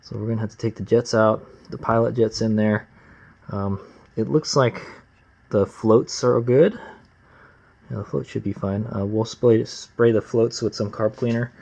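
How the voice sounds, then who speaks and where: A man talking casually and plainly like a gruff home mechanic while working at his bench, with slangy, unpolished asides. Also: on the low side, steady tone, a little slow, a little mellow. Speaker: amateur motorcycle mechanic, vlog host. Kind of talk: casual hands-on workshop narration. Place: workbench, close to the camera. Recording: slightly dull, lo-fi camera audio.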